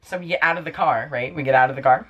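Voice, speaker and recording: A man's voice: medium pitch, racing, breathy edge, dull audio. Rambling young New guy telling a story. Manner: rambling, heavy use of "like" fillers. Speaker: vlogger. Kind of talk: casual storytime vlog.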